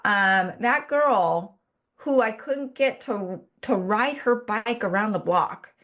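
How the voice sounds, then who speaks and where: A woman in her forties, a guest on a podcast, earnestly telling a personal story with lively energy and frequent restarts. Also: mid-range voice, slow pace. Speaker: podcast guest, health advocate.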